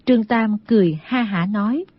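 A woman narrating an audiobook in a steady storytelling manner. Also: medium pitch, a little fast, slightly rough. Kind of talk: scripted narration. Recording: dull lo-fi audio.

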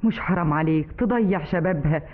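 An actress playing a weary, trapped older wife in an Egyptian Arabic radio drama from the 1950s, urgent and sorrowful. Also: female voice, sits low, quick pace. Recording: thin old radio broadcast, phone-like.

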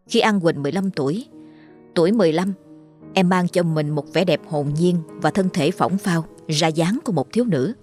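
Low-voiced woman narrating a ghost story. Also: darkish tone.

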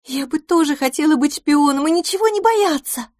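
A woman voicing an excitable, bossy young girl in a storybook reading, speaking in high exclamations. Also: moderate pace, no room sound, studio quality. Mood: admiring.

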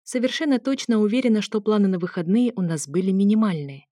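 A woman narrating a first-person romance novel, intimate and soft-spoken. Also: medium pitch, fast, dry recording, clean studio sound. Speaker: audiobook narrator.

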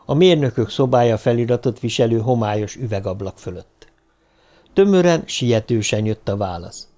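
A man narrating an audiobook in a steady, even delivery. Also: mid-range voice.

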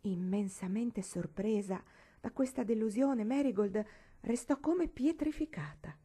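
A woman reading a novel aloud with expressive narration, lifting her voice for emphasis. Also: a little high, unhurried, breathy edge. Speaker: audiobook reader. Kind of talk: audiobook narration.

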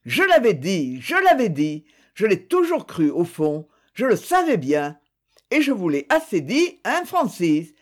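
A reader putting on a middle-aged police inspector who bursts out and says the same thing twice over, lively and sweeping up and down in pitch. The delivery is slow and deliberate even in his excitement, read like a character in an audiobook. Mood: triumphant. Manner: exclamatory, insistent, repeats himself.

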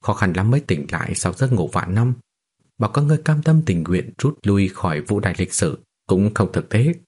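A man voicing a calm, cunning male cultivator master in a fantasy audiobook, speaking in an even, reasoning way. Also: lowish voice, normal speed, breathy edge.

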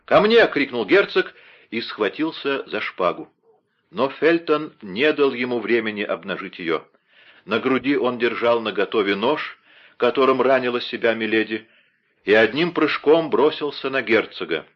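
A man narrating a classic adventure novel in an expressive, dramatic literary reading. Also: medium pitch, moderate pace, dull audio. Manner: dramatic, steady storytelling. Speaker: audiobook narrator.

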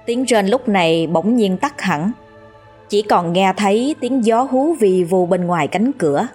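A woman reads a ghost story at a very slow, deliberate pace. Her telling is measured and suspenseful, with faint music playing behind her. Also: mid-range voice, lively intonation, darkish tone.

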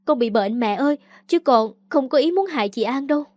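A tearful young woman pleads and begs between sobs, as a woman narrator voices her. The voice is somewhat high and heard dry and close. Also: lively intonation, a little fast, darkish tone, no echo. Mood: pleading. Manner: sobbing, pleading.

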